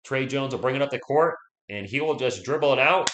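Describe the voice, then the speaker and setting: In a brisk, medium-pitched, somewhat bright voice, a live-stream host calls the action as a Spurs supporter, growing hoarse as he loses his voice. He chats between plays and reads out viewer comments, and his room echoes noticeably.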